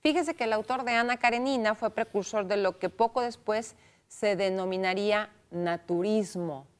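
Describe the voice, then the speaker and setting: A woman's voice: mid-range voice, moderate pace, smooth. A woman hosting a cultural radio talk show, chatting with a co-host and reading out listener calls and votes on a studio microphone.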